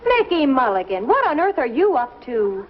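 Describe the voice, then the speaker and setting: A woman's voice: high voice, big pitch swings, moderate pace, a crowd in the background. An actress playing a wry, no-nonsense young American woman in a 1950s sitcom. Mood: skeptical. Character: sensible young American woman, skeptical girlfriend. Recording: dull 1950s TV soundtrack with music.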